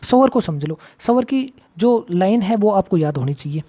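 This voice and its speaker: Man, grammar teacher, mellow warm tone, quizzes the class, repeats key points. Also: high-pitched, lively intonation, moderate pace. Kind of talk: grammar lecture for exam students. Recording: slightly dull lo-fi audio.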